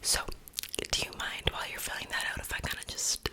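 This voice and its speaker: A woman doing an ASMR whispered role-play as a piercer, speaking in an unvoiced, breathy whisper with a soft, casual, reassuring manner. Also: brisk. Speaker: ASMR creator playing a piercer.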